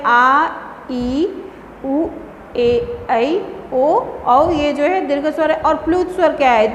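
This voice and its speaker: A high-pitched woman teaches a class, patiently repeating terms and posing questions she then answers herself. Her voice rings in a room with a long, echoing reverb. A faint hiss runs under it. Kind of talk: classroom lesson.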